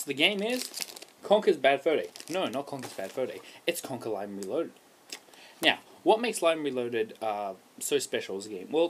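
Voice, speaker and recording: An Australian man reviewing a video game over gameplay footage in a casual, profane, ranting way with loud emphatic outbursts. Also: mid-range voice, slight background noise.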